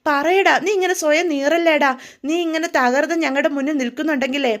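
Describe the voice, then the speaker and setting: A woman's voice: sits high, steady tone, brisk, natural voice. A woman voicing a distressed older mother begging her son to share his pain, pleading and emotional.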